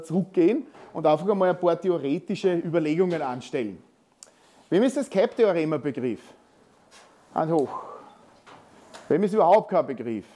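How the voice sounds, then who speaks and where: A man's voice: high voice, dark tone. A man with an Austrian accent giving a technical conference talk in a lecture hall, conversational and full of tag questions. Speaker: conference speaker.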